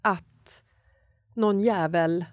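A woman co-hosting a casual podcast, relaxed and chatty, often cutting in with short replies. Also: on the low side, dry recording, studio quality. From Sweden. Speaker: podcast co-host. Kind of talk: casual chat.

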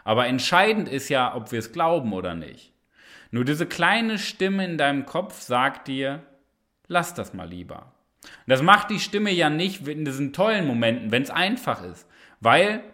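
A young man hosting a podcast, speaking emphatically and directly to the listener in a motivational monologue, sometimes dropping into a low soft voice. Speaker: podcast host.

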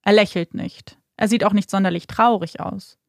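A woman narrating a true-crime podcast in a measured, dramatic storytelling manner. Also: medium pitch, fairly even intonation, vocal fry, a little mellow, no room sound, clean studio sound.

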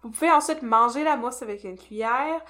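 A woman's voice: fairly high pitch, a little fast, pushed and bright. A woman with a Québécois French accent co-hosting a podcast in a playful, chatty way. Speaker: podcast co-host. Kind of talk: casual podcast chat.

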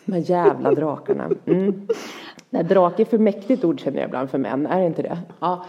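A woman in her forties, chatting casually as a podcast co-host and telling a lively story with casual swearing. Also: sits low, gravelly, breathy edge, muffled recording. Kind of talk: casual chat.

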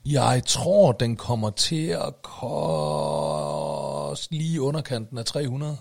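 A man's voice: medium pitch, big pitch swings, gravelly, darkish tone. A man co-hosting a podcast in casual chat, reacting with dry, teasing remarks. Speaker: podcast co-host.

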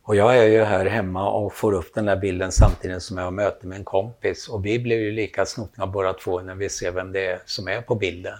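A man's voice: low-pitched, few pauses, slight background noise. A man telling a long anecdote, acting out the dialogue as he goes. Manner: animated storytelling, acts out quoted dialogue. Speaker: storyteller, photographer.

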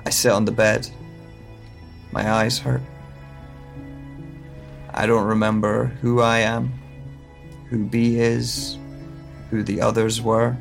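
Quiet and despairing, a man portrays a haunted scholar burdened by guilt and lost memories, his audio drama monologue broken into halting, deliberate phrases. He uses a full character voice that is fairly low and creaky.

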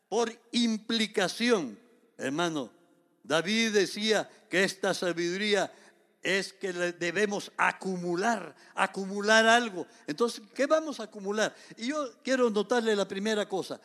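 A man's voice: high voice, fairly bright tone. A man preaching a fervent sermon in a church, repeatedly calling his listeners "brother". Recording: long hall reverb.

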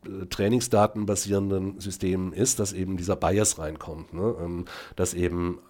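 A man's voice: sits low, fairly even intonation, normal speed, dark tone. A middle-aged man, a researcher, talking as a podcast guest. He hesitates a lot and fills gaps with "ähm", then pushes his points hard. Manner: hesitant with many fillers, then emphatic. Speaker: guest, speech technology researcher. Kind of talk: podcast conversation.

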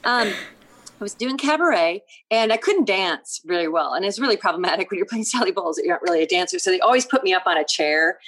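A middle-aged woman, a podcast guest, telling an animated story with laughter and acted-out quotes. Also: on the low side, fast, low-quality recording. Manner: lively, laughing, acts out quoted lines. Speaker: podcast guest, theater artistic director.

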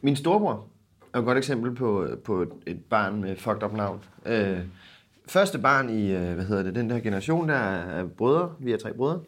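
A man's voice: lowish voice, animated. A young man, chatting casually and telling anecdotes in informal, sweary language.

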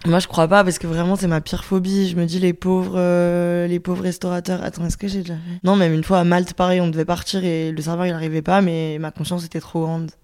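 A young woman with a slightly low voice chats casually as a podcast host. Her way of talking is playful and teasing, like someone talking with a close friend. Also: little pitch movement, brisk, few pauses, darkish tone. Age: 20s. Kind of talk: casual chat between friends.

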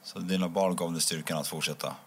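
A man interviewing, asking short, gentle questions to prompt the story. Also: sits low, steady tone, slight background noise.

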